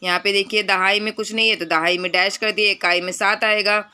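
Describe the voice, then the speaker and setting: A woman teacher giving a maths lesson to children, explaining step by step, asking questions and repeating each number slowly. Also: medium pitch, fairly even intonation, bright, forceful tone, clean tone. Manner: patient, step-by-step explaining with frequent questions to pupils.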